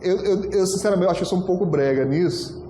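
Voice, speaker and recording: A pastor preaching a storytelling sermon, animated and acting out dialogue with frequent laughter. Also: male voice, high-pitched, fast, a little hiss or hum. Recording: echoey hall with long reverb.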